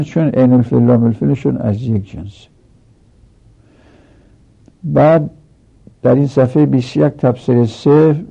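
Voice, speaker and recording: Man, gravelly husky voice, methodical grammar lesson, dull lo-fi recording. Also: medium pitch, mellow. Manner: explains step by step with repeated examples. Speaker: teacher. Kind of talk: textbook commentary lesson.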